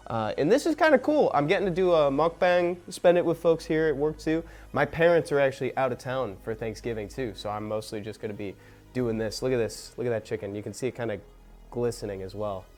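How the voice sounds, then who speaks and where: A young man hosting a casual game live stream, chatting excitedly while eating and talking with his mouth full. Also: mid-range voice, a little fast, soft background music.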